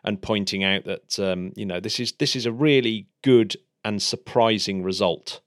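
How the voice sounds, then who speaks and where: A man's voice: on the low side, moderate pace, dry recording, studio quality. A man in a casual science chat, hesitant and hedging, with many restarts. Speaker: podcast co-host.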